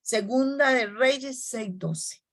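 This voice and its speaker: A woman preacher giving a sermon, telling personal stories in a soft storytelling manner and slowing down on key phrases. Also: on the high side.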